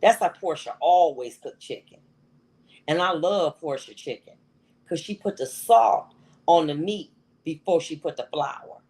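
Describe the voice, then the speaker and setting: A woman's voice: low-pitched, lively intonation, a little slow, darkish tone, rough recording. A middle-aged woman giving a motivational talk to an audience, emphatic and repeating phrases for effect. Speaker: motivational speaker.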